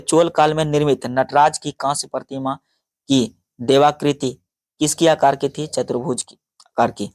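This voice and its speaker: A man's voice: mid-range voice, darkish tone, no echo, clean studio sound. A man teaching an exam-prep lecture, reading question-and-answer notes and often stumbling over names and correcting himself. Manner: halting, stumbles over names and restarts, frequent sorry.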